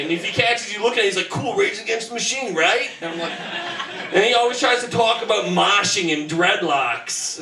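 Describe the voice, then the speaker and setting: Here a young man in his 20s, voice high and sharp-toned, punches out rhythmic spoken word poetry between casual, chatty asides. He's at a stand mic on a cramped club stage with band gear at his back. Because it was filmed from the rear of the room, the live recording comes across as distant and roomy.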